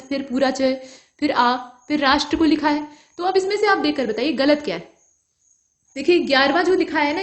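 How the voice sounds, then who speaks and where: A woman with a high-pitched voice teaches an exam prep lesson. She explains each point step by step and keeps asking her students to look closely.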